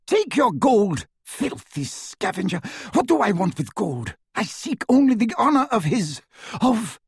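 A man voicing a cruel, fanatical witch who shrieks and sneers in a high, strained voice. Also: big pitch swings, a little slow, breathy edge, dry recording, clean studio sound, exaggerated voice. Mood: scornful. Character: shrill unhinged female witch, cruel and fanatical.

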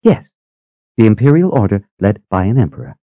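A man voicing a demure, mild-mannered woman, a religious sister, who speaks softly and agreeably. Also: lowish voice, very animated, fairly quick, dry recording, phone-quality sound, pitched above the performer's own voice. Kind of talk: audiobook character voice.

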